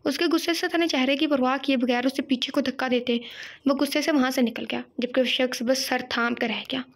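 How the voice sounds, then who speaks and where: High-voiced woman narrating a romance novel. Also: fairly even intonation, a little fast. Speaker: novel reader.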